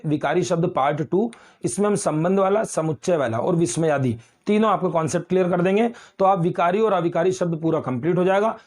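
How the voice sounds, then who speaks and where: A man teaching grammar in an online exam-prep lecture, explaining slowly with repeated examples and calling his students beta. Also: on the high side, darkish tone.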